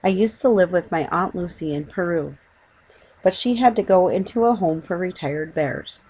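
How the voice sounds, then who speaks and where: A woman's voice: on the low side, lively intonation, normal speed, a little mellow, rough recording. A woman voicing a small, polite young male bear in a children's story, speaking formally and earnestly. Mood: earnest, confiding. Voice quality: small, clear voice.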